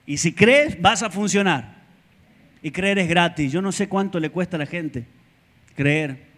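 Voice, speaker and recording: Emphatic Argentine pastor, slow and echoing. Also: male voice, high-pitched, fairly bright tone. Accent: Argentine Spanish. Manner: emphatic, drawn-out stressed words, calls the congregation to repeat. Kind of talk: preaching a sermon.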